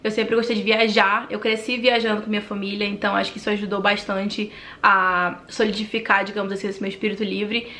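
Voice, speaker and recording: A woman's voice: mid-range voice, fairly quick, few pauses, slight background noise. A woman in her twenties from Manaus with a Brazilian accent, telling her life story in a talkative, friendly vlog. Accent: Brazilian Portuguese from Manaus. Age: 20s. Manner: talkative and animated. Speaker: vlogger.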